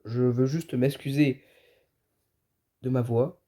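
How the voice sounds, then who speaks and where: Sick with a flu-like bug and worn out, the car vlogger speaks slowly with a warm, medium-pitched voice and fairly even intonation. He offers casual, colloquial opinions, treating his viewers like buddies.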